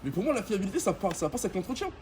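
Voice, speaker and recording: A man's voice: high-pitched, very animated, racing, a little mellow. A young man chats casually to camera in street slang, reviewing like a vlogger. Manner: French suburban street slang. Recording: noticeable ambient background noise.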